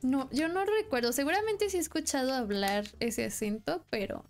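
A woman's voice: sits high, expressive, normal speed. A young woman with a Mexican accent, chatting casually and rambling while streaming a game. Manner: chatty, rambling, laughs often. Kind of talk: casual live-stream chat. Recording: faint music behind.

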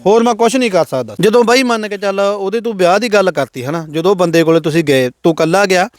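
Brief: Malwa Punjabi male host, high voice, rapid, moralizing. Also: no room sound, studio quality. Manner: moralizing, frequent "hmm" backchannels. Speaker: interviewer. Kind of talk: interview questions and commentary.

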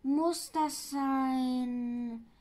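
A woman's voice: high voice, fairly even intonation, very slow, a little mellow. A woman doing the pert little Sams. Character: cheeky childlike creature Sams.

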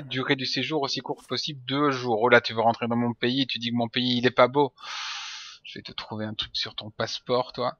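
Bright-voiced man role-playing a border guard. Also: mid-range voice, highs cut off. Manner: mock-authoritarian, joking. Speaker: let's play commentator.

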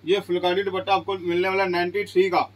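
A middle-aged man pitching goods in a small clothing shop, asking each price aloud and answering it with exclamations. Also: little pitch movement, fast talker, rough recording. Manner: repeats prices as questions, exclaims "wah ji wah". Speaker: shop seller. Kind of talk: sales pitch.

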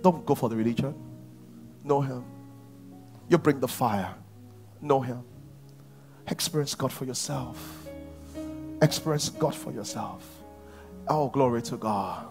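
A pastor in his thirties with a Nigerian English accent, preaching a sermon on a large church stage and swinging from shouts to near whispers. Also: medium pitch, measured pace, long pauses, over music.

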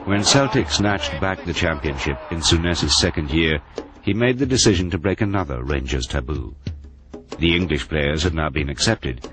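A man reading scripted documentary narration in a measured, even delivery. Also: a bass voice. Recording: voice-over with music beneath.

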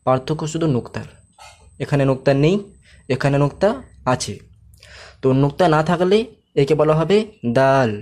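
A man's voice: fairly high pitch, darkish tone, a little hiss or hum. A man teaching how to pronounce letters, patiently drawing out each sound and asking learners to repeat after him. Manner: asks the viewer to follow along and checks understanding. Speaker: Quran reading teacher. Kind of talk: step-by-step recitation lesson.

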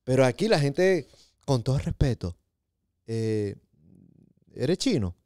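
A man's voice: mid-range voice, very animated, slow pace, dark tone, no echo, studio quality. Playful man. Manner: playful, jokey, slips into imitations of street slang. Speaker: podcast guest. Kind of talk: casual chat.

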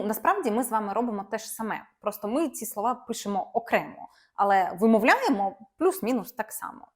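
A woman's voice: medium pitch, a little mellow. A young woman teaching German grammar to viewers, explaining step by step with playful asides.

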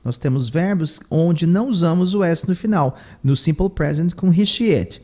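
Lively Brazilian man teaching English. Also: fairly high pitch, normal speed. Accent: Brazilian Portuguese. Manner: translating line by line, repeating words for emphasis. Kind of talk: bilingual lesson explaining English.

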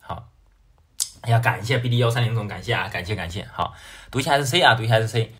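A man's voice: on the low side, fast, a bit bright, husky. A man hosting a livestream, talking with callers in a casual, exasperated way and repeating his thanks to donors. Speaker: livestream host taking callers. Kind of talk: casual live-stream chat.

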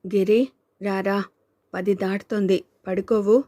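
A woman voicing a weary, brooding husband with a low-key, resigned way of speaking. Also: flat delivery, a little slow, warm tone, no room sound, close to an everyday voice. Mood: tired.

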